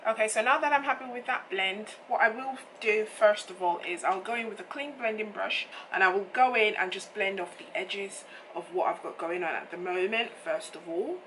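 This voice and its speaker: Woman, slightly froggy morning croak, bright tone, casual tutorial chat, informal step-by-step explaining, faint background noise. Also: medium pitch, normal speed, few pauses, poor audio. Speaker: makeup vlogger.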